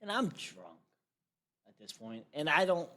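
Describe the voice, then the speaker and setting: A young man with a slightly high voice tells a story on a podcast, fast and loose. He swears freely and jumps to loud yelling whenever he acts out what people said. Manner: animated, swears freely, jumps to yelling when acting out quotes. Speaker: guest comedian. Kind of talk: casual storytelling. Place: podcast studio.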